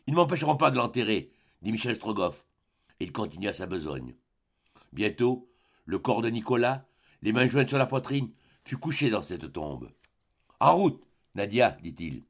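A man narrating an audiobook with measured, dramatic delivery. His voice sits in a middle register as he tells the story. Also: mid-range voice.

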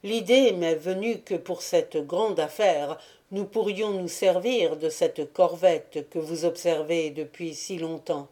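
A woman reading the lines of a stern, measured male naval officer in a storybook. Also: fairly low pitch, dark tone. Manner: measured, severe.

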